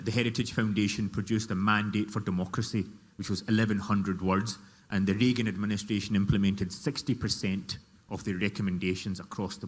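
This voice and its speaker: A man speaking as a panelist at a conference, making emphatic, argumentative points. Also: lowish voice. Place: large conference hall. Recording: long hall reverb.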